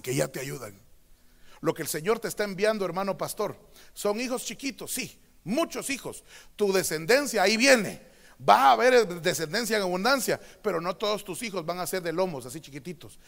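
Man, pastor, sermon, high lively voice, bright and forceful, echoing hall. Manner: animated preaching, shifting from quiet to loud proclamation. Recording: long hall reverb.

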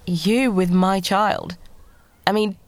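An actress playing a flustered, defensive, sharp-tongued woman who hopes to start a family, in an audio drama. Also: medium pitch, slow pace, no echo. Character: queer woman planning a baby, flustered, defensive. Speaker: actor.

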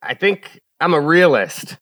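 A man who is a podcast guest, answering questions in a relaxed, casual way. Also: on the high side, measured pace, no room sound. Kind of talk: casual chat.

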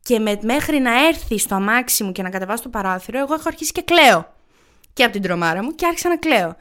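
A woman in her thirties co-hosts a chat podcast and tells a long comic story about herself. Her voice sits high, and she keeps the telling animated and self-mocking throughout. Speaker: podcast co-host.

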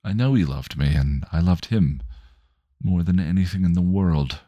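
A man voicing a young woman who is tearful and earnest, speaking softly and haltingly. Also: deep voice, no room sound.

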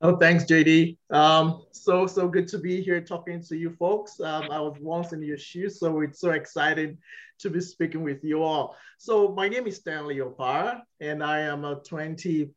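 A man from Nigeria introduces himself as an alumnus panelist in a friendly, slightly halting way. His voice sits a little high, and the webinar audio is dull and muffled. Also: fairly even intonation.

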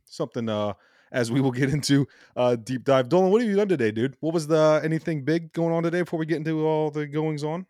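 Co-hosting a casual sports podcast, a man in his thirties jokes around in an upbeat mood and swears occasionally. He speaks fast in a mellow, somewhat high voice, captured in a dry, clean studio recording.

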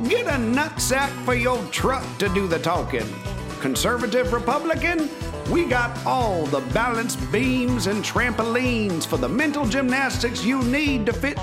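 A performer playing a brash, shameless male gun-shop owner hard-selling in a parody local radio commercial. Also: medium pitch.

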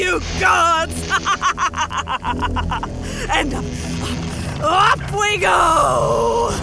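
A woman's voice: medium pitch, close to an everyday voice. A woman playing Victor, an ambitious, obsessive young male scientist in a radio play, with formal, theatrical, impassioned diction. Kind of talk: dramatic radio play narration and acting.

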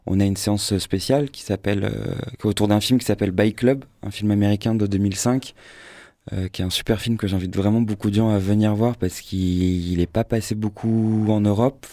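A man's voice: fairly low pitch, fairly quick, dry recording, studio quality. A man who programs a film festival, a guest on a live radio show, talking casually with lots of fillers and restarts. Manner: hesitant, many fillers and restarts, relaxed. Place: radio studio.

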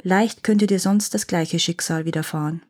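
A woman reading a fairy tale aloud, calm, with the dialogue gently acted. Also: fairly low pitch, moderate pace. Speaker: storyteller.

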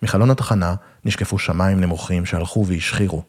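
A man's voice: low-pitched, steady tone, a little mellow, breathy edge. A man reading a first-person literary story in a wry, self-mocking way.

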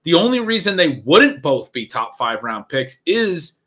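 A man hosting a fantasy football podcast, talking quickly and chattily in a casual sports conversation and laughing easily. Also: on the high side, sing-song, fairly bright tone.

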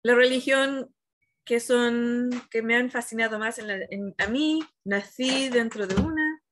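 A woman with a fairly high voice gives a reflective spiritual talk. She speaks conversationally and retells her story with animation. She often pauses to search for the right word. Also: background noise. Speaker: spiritual teacher.

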